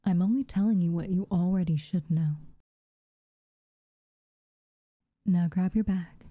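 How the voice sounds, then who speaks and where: Playing a haughty tsundere witch in a softly spoken ASMR roleplay, the woman has a mellow, dark, breathy voice on the low side that often drops near a whisper. Her wording is slow, formal and measured, guarded yet warm despite herself, and here she comes across as flustered and grudgingly tender. The acting is light, and the sound is close and dry.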